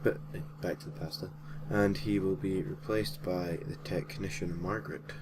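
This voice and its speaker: A man with a low voice and fairly even intonation narrates a gaming story at normal speed against a noisy background. Host and narrator of a gaming creepypasta series, he reads from a script informally, adding casual, slightly hesitant asides.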